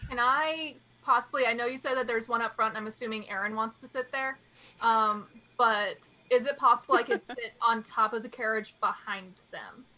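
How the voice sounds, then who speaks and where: A woman's voice: fairly high pitch, normal speed, sharp tone, rough recording. A woman playing a tabletop game, asking polite, tentative questions. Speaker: player. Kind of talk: casual tabletop play.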